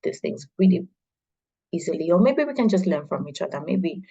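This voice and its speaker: Husky woman hosting with many fillers. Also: fairly low pitch, sing-song, warm tone, dull audio. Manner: halting, many fillers and restarts. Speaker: event host. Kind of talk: hosting an online launch meeting.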